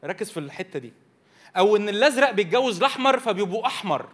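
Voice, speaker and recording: A man's voice: sits high, lively intonation, rapid-fire, fairly bright tone. A man with an Egyptian Arabic accent teaching a church youth meeting from slides, often asking the audience questions. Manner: engages the audience with repeated questions.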